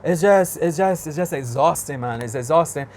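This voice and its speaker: A man's voice: on the high side, animated, normal speed, a little hiss or hum. A man from Barbados with a Barbadian accent, ranting casually on his vlog, exasperated and emphatic, repeating his points. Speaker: vlogger. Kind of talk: casual rant.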